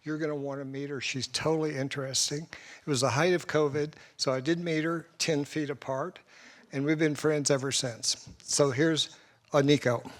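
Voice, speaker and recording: A man hosting an art club talk, giving a relaxed, conversational introduction of the guest speaker. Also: a little high, moderate pace. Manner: relaxed, conversational, with a few restarts. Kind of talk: casual introduction.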